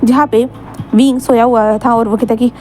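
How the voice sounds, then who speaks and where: A woman's voice: a little high, steady tone, normal speed, a little mellow, a little hiss or hum. A woman casually reading out a fan-fiction story, retelling it with many fillers.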